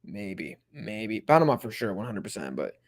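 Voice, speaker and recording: Young male streamer, relaxed chatty host who perks up at big plays. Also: on the low side, normal speed. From Mexico-supporting fan. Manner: laid-back, chatty, bursts of excitement at plays. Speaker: watch-along host. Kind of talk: casual live commentary and chat reading.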